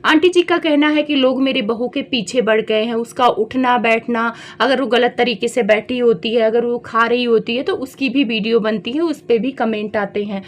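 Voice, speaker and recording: A woman's voice: a little high, normal speed, few pauses. A woman vlogger talking straight to her viewers and scolding the people she reacts to in a chatty, pointed way. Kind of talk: reaction commentary vlog.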